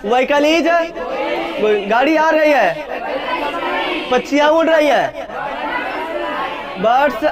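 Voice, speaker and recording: A high-pitched man teaching a class, slow and deliberate as he repeats each phrase. He keeps asking whether the students follow, and a roomful of students can be heard around him. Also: expressive, crowd noise, noisy background. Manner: drills phrases aloud, asks class often. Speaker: English teacher. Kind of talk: classroom lesson.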